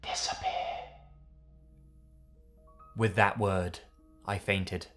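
A man's voice: lowish voice, steady tone, unhurried, a bit bright, soft background music. A man reading a horror story aloud in the first person, tense and dramatic. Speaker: narrator. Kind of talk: scripted horror story narration.

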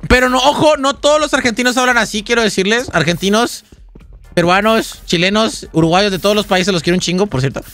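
A young man giving chatty, excitable gameplay commentary to his viewers. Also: sits high, normal speed, soft background music. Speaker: gaming youtuber.

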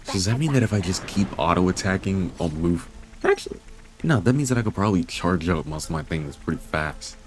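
A low-pitched, animated young man speaks briskly against a little hiss or hum. In this casual let's-play, the gaming creator rambles to himself through the game and swears without restraint.

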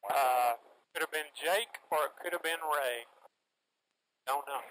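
An older private pilot flying a small propeller plane makes radio calls and chats over the intercom through an aviation headset boom mic. His slightly high voice is bright and forceful yet unhurried, and the rough recording carries slight background noise.

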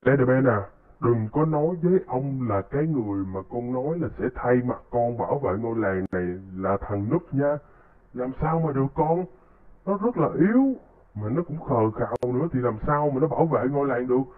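A man's voice: mid-range voice, big pitch swings, a little fast, natural voice. A man voicing an elderly male village chief who is fretful, scolding and protective, in casual game role-play. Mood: alarmed. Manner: scolding yet caring. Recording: tinny phone-like line.

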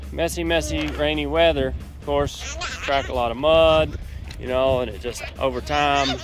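A man's voice: medium pitch, poor audio. A man in a casual product review vlog, talking in a laid-back, rambling way on his driveway while wearing a camera. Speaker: home improvement vlogger. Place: outdoors on a driveway. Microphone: body-worn camera.

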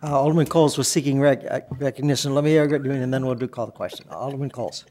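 A man chairing a city council meeting as mayor, moving through motions and votes in a brisk procedural manner. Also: medium pitch, a little mellow. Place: council chamber, indoors.

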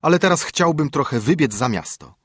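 A weary stray dog talks mildly, a touch above plain speech, as a man puts him on. The voice is a bit husky, recorded dry and close. It is a storybook reading. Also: on the high side, animated, brisk, no room sound, pitched above the performer's own voice. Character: hungry, tired male stray dog.

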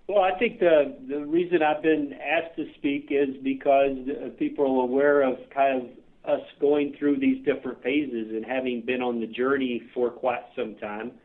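Midwestern American man, phone-line guest, earnest, halting with fillers. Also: medium pitch, fairly even intonation. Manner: earnest, many filler uhs. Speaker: clinic CEO guest. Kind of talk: podcast interview answers.

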